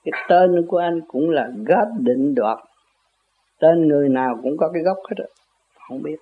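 An older man with a somewhat high, breathy voice speaks at a moderate pace in a loose, rambling monologue. He chuckles often and trades in folksy wordplay while arguing over where words come from. The audio sounds tinny, like a phone line.

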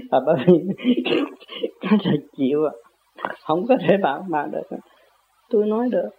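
A man's voice: fairly high pitch, expressive, a little slow, gravelly, slight background noise. An older man in a casual, rambling monologue, chuckling often as he argues about where words come from. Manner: chuckling, argumentative, folksy word-play. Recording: tinny phone-like audio.

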